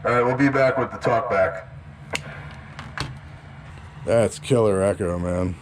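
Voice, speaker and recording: A man's voice: on the low side, slow. Slangy man demoing a CB radio, noisy background. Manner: slangy, upbeat, chatty. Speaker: CB radio builder. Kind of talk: casual demo narration.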